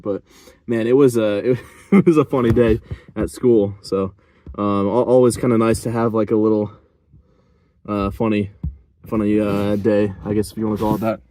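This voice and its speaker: A man's voice: fairly low pitch, steady tone, brisk, mellow, dry recording. A teenage boy telling a rambling story from his school day in a casual vlog, full of fillers and restarts. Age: teens. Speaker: vlogger.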